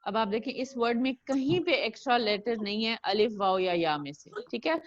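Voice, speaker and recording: A woman teaching a recitation lesson over a video call, modeling words slowly and patiently for a student to repeat. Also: fairly high pitch, expressive, lo-fi sound, a crowd in the background. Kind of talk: online tajweed lesson.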